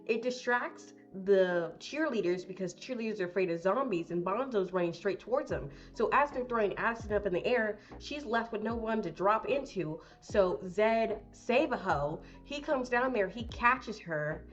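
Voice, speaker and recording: A woman's voice: mid-range voice, animated, lo-fi sound, faint music behind. A young woman recapping a movie in a casual, rambling way, swearing freely and laughing often. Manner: profane, rambling, quick laughs.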